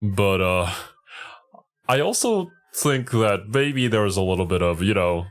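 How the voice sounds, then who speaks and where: Casting: male streamer with a low voice, reacting casually and conversationally to a video. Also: very animated, unhurried. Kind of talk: casual live reaction commentary.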